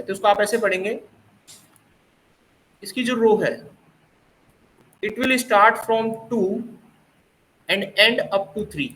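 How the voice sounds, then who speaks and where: A man with a fairly high voice teaches a coding class, switching between Hindi and English and using homely analogies. He stops often to quiz his students and praise their answers. The sound is roomy and echoey, with a faint hum underneath. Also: a bit bright. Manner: mixes Hindi with English phrases. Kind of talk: recorded classroom lecture.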